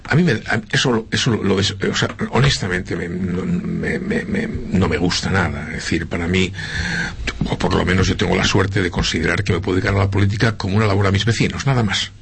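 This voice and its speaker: A middle-aged man from Spain, a local politician with a faint Argentine lilt to his Spanish accent, earnestly responds in an interview, often hesitating and repeating. His voice is low, fairly quick, slightly rough, with vocal fry.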